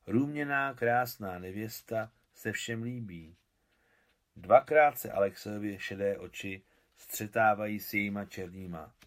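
A man reading his own translation of a novel aloud, measured and expressive. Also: lowish voice. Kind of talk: literary reading.

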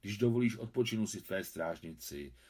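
A man reading aloud, voicing an eager, lively male professor. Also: fairly low pitch. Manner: eager and pleading.

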